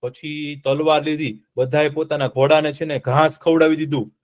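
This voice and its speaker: A man's voice: on the high side, normal speed. A man from telling a folk tale to children, stopping often to ask them questions. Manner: lively, asks the children questions as he tells. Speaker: storyteller for children.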